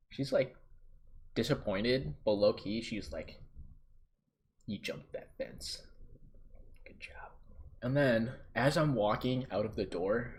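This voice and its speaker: A man telling a comic tale in a boastful, exaggerated way, swinging between loud bursts and mutters. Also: lowish voice, a little hiss or hum. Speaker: vlogger. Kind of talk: comedic storytelling.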